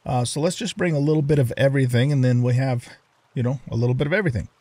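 A man's voice: mid-range voice, rapid-fire, mellow, dry recording. An older man hosting a let's play, chatting casually and thinking aloud with lots of fillers as he plays. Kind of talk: casual gameplay commentary.

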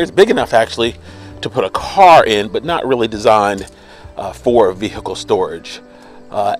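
A man, a real estate agent, narrating a walkthrough of a house as he walks it, relaxed and explanatory with frequent fillers. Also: mid-range voice. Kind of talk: walkthrough home tour narration. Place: outdoors then inside an empty house.

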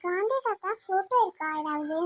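A woman's voice: extremely high pitch, animated, brisk, no echo. A woman voicing a sweet, earnest young daughter-in-law in a cartoon, with a Tirunelveli Tamil accent.

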